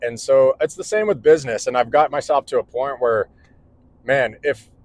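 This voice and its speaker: Here the man, an electrical contractor in his forties, speaks at medium pitch and a moderate pace in a casual home vlog. He's earnest but rambling, frequently starting over. Audio is poor and dry.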